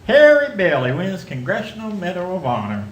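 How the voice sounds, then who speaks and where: A man acting a scatterbrained, excitable older uncle in a radio play, exclaiming and stammering in theatrical style. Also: sits high, moderate pace. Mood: gleeful taunting. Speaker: stage actor in a radio play. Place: theatre stage, picked up from some distance. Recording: roomy, distant stage recording with noise.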